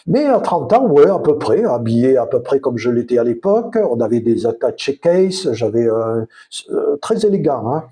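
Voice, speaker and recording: A southern French man in his fifties, Provençal accent, rambles through a casual, reflective vlog monologue on his own channel, hesitating often. His voice is dark and medium-pitched with big pitch swings, moving at a moderate pace.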